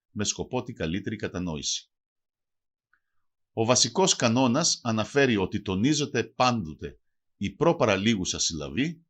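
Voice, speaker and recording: Guy reading out a language lesson, careful, repeats every example word twice, really lively up-and-down voice. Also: lowish voice. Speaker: language teacher. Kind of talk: scripted lesson narration.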